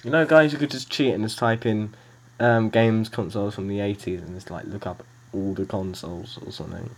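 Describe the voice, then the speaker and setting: A man with a steady, lowish voice hosts a casual podcast game over a video call, speaking a little fast. He's playful, teasing his friends, joking, and laughing often as they chat.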